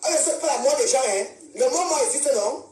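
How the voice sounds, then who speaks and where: A woman's voice: high voice, expressive, a little fast, a little mellow, recorded from a distance. A woman from Cameroon, ranting defiantly on a live stream and repeating her points. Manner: defiant, confrontational, repeats herself. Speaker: social media live streamer. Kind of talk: angry live-stream rant. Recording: echoey room, voice from off the mic, faint music.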